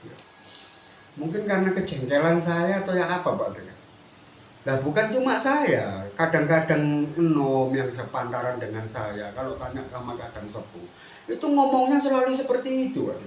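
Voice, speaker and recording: A man giving a chatty, animated spiritual talk as a teacher. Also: fairly high pitch, moderate pace, reverberant, a little hiss or hum. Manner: animated, mixes Indonesian and Javanese, chatty asides. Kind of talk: spiritual talk, addressing listeners.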